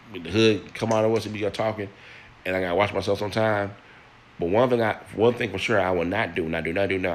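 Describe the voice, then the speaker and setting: A man's voice: fairly low pitch, a bit bright, a little hiss or hum. An older man in a personal monologue, earnest and plain-spoken, often repeating words and restarting as he speaks to listeners.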